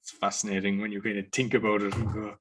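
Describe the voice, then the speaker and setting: A man from Ireland with a Cork accent, hosting a podcast interview and asking relaxed, rambling questions. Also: fairly low pitch, fast. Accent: Cork Irish. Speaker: podcast host.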